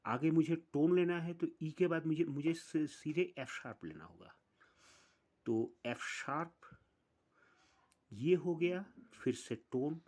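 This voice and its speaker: A man's voice: on the high side, a little mellow. A man teaching music theory, explaining step by step and counting through the notes one at a time. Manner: slow, deliberate, counts notes aloud one by one.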